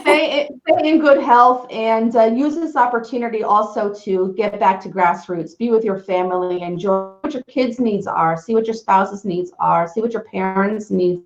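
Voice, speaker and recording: A woman's voice: mid-range voice, moderate pace, hardly any pauses. A woman from Israel, a guest on a live video call, talking in an upbeat, encouraging way while her call audio breaks up. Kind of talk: casual motivational chat. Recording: roomy, dull, choppy call line.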